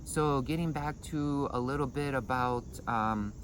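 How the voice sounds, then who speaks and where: A man's voice: mid-range voice, unhurried, noisy background. A man giving an informal breathing and meditation lesson, explaining in hesitant phrases with repeated words. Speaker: breathing meditation and Qigong instructor.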